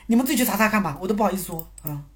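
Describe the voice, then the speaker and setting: A woman's voice: medium pitch, animated, racing. A woman teaching a language in a casual livestream, chatty and teasing, talking straight to her viewers and laughing often.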